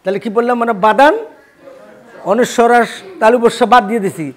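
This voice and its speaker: Brief: older male religious teacher, high voice, folksy, quizzes his class. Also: fairly even intonation, fairly quick. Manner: folksy, asks the class questions. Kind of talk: scripture lesson.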